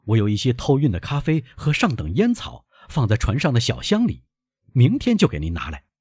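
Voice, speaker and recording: A man's voice: medium pitch, wildly swooping pitch, a little fast, a little mellow, slightly rough, no echo, pitched above the performer's own voice, heavily acted. Man voicing an eager young sailor son. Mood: joyful. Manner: pleading, emphatic. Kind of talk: audiobook reading.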